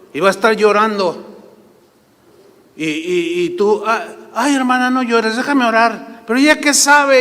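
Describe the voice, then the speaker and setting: A man's voice: sits high, pushed and bright. A man preaching a sermon, telling stories and acting out the voices of the people in them. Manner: storytelling, acts out voices. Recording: long reverb of a large hall.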